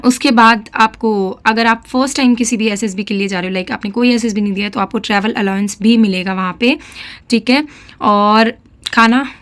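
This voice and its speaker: A young woman who vlogs as a defence exam aspirant gives casual advice with a slightly sore throat, her voice a little high, a bit bright, and at normal speed. She's chatty, mixes in English phrases, and keeps checking in with listeners with frequent "theek hai."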